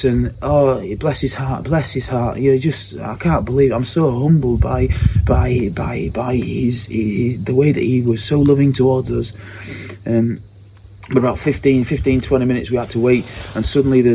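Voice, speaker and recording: An earnest man gives a spoken church testimony in a mellow, warm voice, circling back to repeat his phrases as he tells it. Faint noise sits under the recording. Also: medium pitch, fairly even intonation, normal speed. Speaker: church member giving a testimony.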